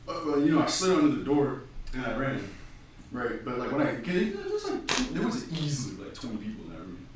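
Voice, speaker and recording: A man's voice: medium pitch, huge pitch swings, fairly quick, very echoey, far from the mic, slight background noise, poor audio. A young man co-hosting a podcast from a dorm room, telling stories in a laid-back, slangy way. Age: young adult. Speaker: podcast co-host. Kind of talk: casual chat.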